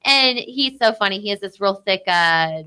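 Bright, giggly young woman. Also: medium pitch, animated, moderate pace, smooth. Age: young adult. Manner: giggly, chatty, uses fillers. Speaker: guest. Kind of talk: casual radio interview. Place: radio studio. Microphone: studio microphone.

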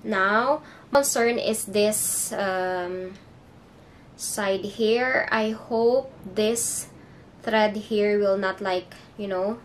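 Speaking extremely slowly in a medium-pitched voice, a young vlogger with a Filipino accent films a haul from her bedroom, with slight background noise. Filipino is her first language, and her chatty talk is hesitant as she reaches for English words.

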